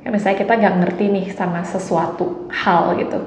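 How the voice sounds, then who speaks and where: A young woman from Indonesia hosting a casual Mandarin lesson, chatting along and demonstrating tones with drawn-out syllables. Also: lowish voice, fairly even intonation, darkish tone. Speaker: Mandarin teacher, channel host. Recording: slightly dull, roomy, faint hiss.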